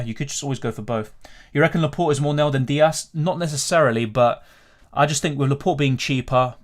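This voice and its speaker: Viewer questions get read aloud and answered spontaneously by this Argentine host of a fantasy football livestream, who thinks aloud in a casual tone. His pitch is medium.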